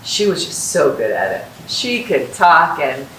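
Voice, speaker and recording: Recorded on a distant mic with faint hiss and a roomy echo, this host and company founder talks to students with upbeat encouragement on her casual podcast. Her voice is low and sing-song, and she keeps a measured pace. She's in a house in North Las Vegas, in a room that echoes.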